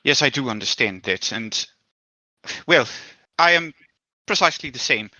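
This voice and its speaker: A man voicing Vickers, a courteous, formal schemer who speaks in a measured, faintly menacing way. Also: medium pitch, lively intonation, pushed and bright, dry recording. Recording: dull, dry recording.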